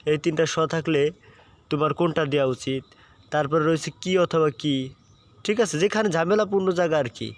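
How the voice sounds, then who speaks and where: Male tutor, patient teaching tone. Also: on the high side. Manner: patient, repeats points, frequent "হ্যাঁ" checks. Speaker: admission tutor. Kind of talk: online exam-prep lesson.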